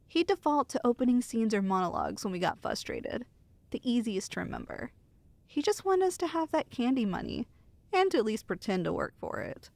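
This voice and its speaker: In an ASMR roleplay, a young woman plays a teasing, affectionate girlfriend, chatting reassuringly to a single listener in a fond, amused, playful and intimate way. Her fairly high voice swoops wildly up and down, fairly quick, gravelly and a little mellow, with an exaggerated delivery. She's recorded very dry on a close studio mic.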